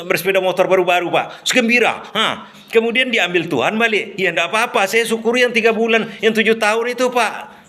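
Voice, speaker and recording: A man's voice: high voice, a little fast, bright, forceful tone, voice pushed up. A man voicing a humble young male errand boy who speaks plainly and serenely. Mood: joyful. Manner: plain, simple-spoken, serene.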